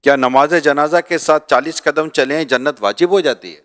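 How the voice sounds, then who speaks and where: A man reading out religious questions to a scholar in a plain, steady way. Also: fairly high pitch.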